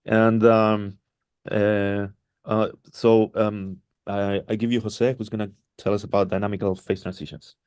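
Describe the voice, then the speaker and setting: A man's voice: fairly low pitch, level tone, measured pace, darkish tone, smooth, no echo. A man hosting an online seminar, introducing the speaker with many hesitant ums and uhs. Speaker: seminar host. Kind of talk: introducing a speaker over a livestream.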